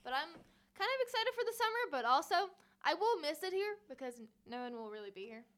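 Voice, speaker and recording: Young woman on college radio, high bright voice, giggly and chatty. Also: very animated, fast talker. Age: young adult. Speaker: student radio co-host. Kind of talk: casual chat.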